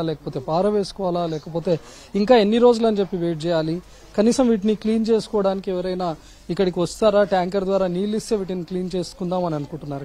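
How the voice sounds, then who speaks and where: Fast, urgent male field reporter. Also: high voice, mellow. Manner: urgent, rapid, emphatic. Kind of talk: live ground report. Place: outdoors in a flooded neighborhood.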